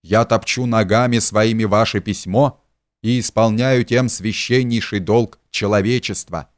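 Man playing a shrill, pompous self-righteous hypocrite. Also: unhurried, dry recording, studio quality, close to an everyday voice. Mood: shrieking. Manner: preachy, shrill and indignant.

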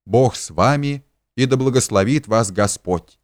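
A man's voice: medium pitch, unhurried, no echo, studio quality, lightly acted. A man voicing a pompous, hypocritical middle-aged man who preaches and shrieks in indignation. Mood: sermonizing.

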